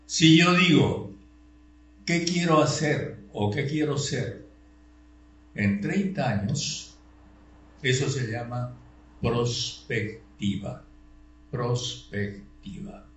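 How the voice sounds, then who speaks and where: An older man giving a classroom lecture, tired, slow and deliberate, posing rhetorical questions and pressing his points. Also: mid-range voice, lively intonation, a bit bright. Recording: roomy, dull sound with faint hum.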